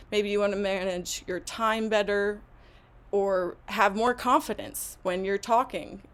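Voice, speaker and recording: Female English tutor on a live stream, deliberate and encouraging delivery. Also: medium pitch. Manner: slow, deliberate, encouraging speech. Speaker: English teacher hosting a live session. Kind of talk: live online English lesson.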